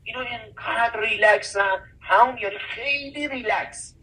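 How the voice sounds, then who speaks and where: A man's voice: sits high, bright, forceful tone, far from the mic, poor audio. A man hosting a conversation, talking emphatically in a preachy way and reciting scripture.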